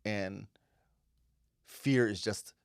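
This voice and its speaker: A man co-hosting a podcast, speaking in a reflective, measured way with frequent affirming murmurs. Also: lowish voice, clear, resonant tone, no echo, studio quality. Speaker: podcast co-host. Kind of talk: casual podcast chat.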